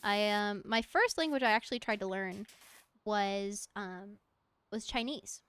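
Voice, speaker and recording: A young woman streams a game from home, her mid-range voice smooth and fairly bright at a measured pace. She chats casually, rambling and giggling, and talks to objects in the game.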